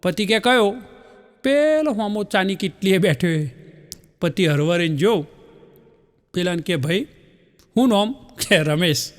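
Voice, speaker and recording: High-voiced Gujarati comedian in a hall. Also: male voice, lively intonation, unhurried, pauses often. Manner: folksy storytelling, acts out wives and husbands in raised voices. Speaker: stand-up comedian. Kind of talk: Gujarati stand-up jokes on stage. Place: stage before a laughing audience. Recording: long hall reverb.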